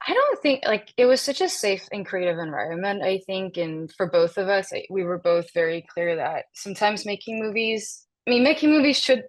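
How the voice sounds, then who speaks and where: Born and raised in Denmark, this woman in her thirties is an animated interview guest in a casual chat. She talks briskly at a medium pitch with hardly any pauses, laughing often and piling up fillers and restarts.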